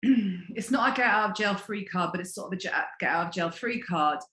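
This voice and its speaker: A woman wellness coach teaching in conversation, telling stories in an expressive, animated way. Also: mid-range voice, brisk, echoey room.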